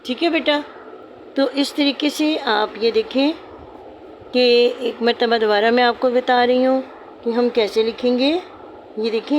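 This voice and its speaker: A woman's voice: a little high, slight background noise. Patient woman teaching calligraphy. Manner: patient, repeats points, calls students "beta". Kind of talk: step-by-step lesson narration.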